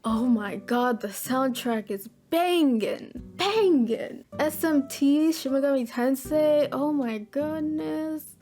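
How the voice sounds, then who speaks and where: A woman's voice: sits high, takes it slowly, hardly any pauses, dark tone, soft background music. Chatty woman in her twenties. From Florida, USA. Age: 20s. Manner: chatty, upbeat, slangy. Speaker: gaming YouTuber. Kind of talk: casual Q&A vlog. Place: at home at her computer.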